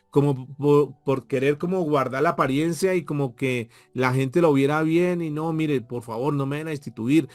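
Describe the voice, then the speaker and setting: A man's voice: mid-range voice, no echo. Man preaching a sermon. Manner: preaching with sudden drops to soft asides. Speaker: pastor. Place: church, evening service.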